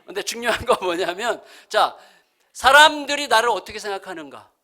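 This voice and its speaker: A man's voice: high-pitched, brisk. A male pastor in his fifties preaching a sermon, telling funny family stories and acting out the dialogue. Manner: humorous, animated storytelling with acted-out dialogue. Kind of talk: sermon with storytelling. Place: church sanctuary.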